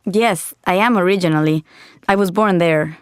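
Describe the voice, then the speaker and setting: A woman's voice: fairly low pitch, normal speed, clear, resonant tone, no room sound, studio quality, lightly acted. An actress playing a helpful, upbeat young woman in a scripted textbook dialogue. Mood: cheerful.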